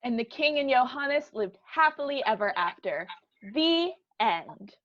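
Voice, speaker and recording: A woman's voice: high-pitched, sing-song, unhurried. A woman playing an offhand, self-assured fairy tale narrator in a comic stage play. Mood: storytelling. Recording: dull, lo-fi audio.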